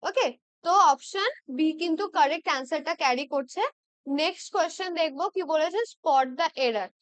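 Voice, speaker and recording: A woman's voice: high voice, normal speed, no echo. A woman teaching English exam practice questions, checking in with tag questions and spelling words out letter by letter.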